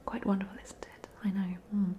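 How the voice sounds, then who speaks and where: In this ASMR roleplay, the speaker is a woman voicing the courteous, talkative ghost of a drowned student, amiable and chatty, whispering with hesitation and gentle rambling. She uses a natural, medium-pitched voice with flat, brisk delivery, and the audio is dull with slight background noise.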